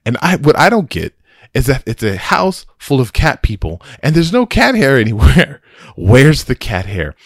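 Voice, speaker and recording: A man hosts a solo podcast reviewing a film, rambling in an exasperated, joking way and often restarting his sentences. His medium-pitched voice swings wildly in pitch at a moderate pace, recorded dry with clean studio sound.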